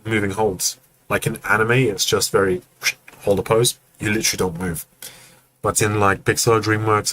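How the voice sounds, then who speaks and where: A man's voice: lowish voice, fairly bright tone, slight background noise, rough recording. A man hosting a live stream, giving casual, friendly feedback on animation and acting out the movements as he explains. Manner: friendly, joking asides to chat.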